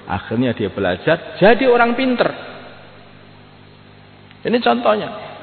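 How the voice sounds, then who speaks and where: A man's voice: high-pitched, wildly swooping pitch, a little slow, creaky. A man giving an evening sermon, animatedly acting out quoted dialogues, recorded in a prayer hall. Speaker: preacher. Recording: echoey hall over a thin phone-like line.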